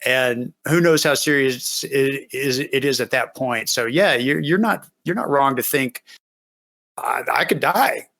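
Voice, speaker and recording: A man's voice: mid-range voice, measured pace, creaky, a bit bright. A man hosting a casual podcast chat, giving short supportive replies and reassuring his guest. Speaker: podcast host.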